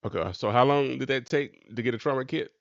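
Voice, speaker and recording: A man's voice: mid-range voice, a little fast, gravelly, lo-fi sound, noisy background. A man giving casual, colloquial reaction commentary in an exasperated, preachy way.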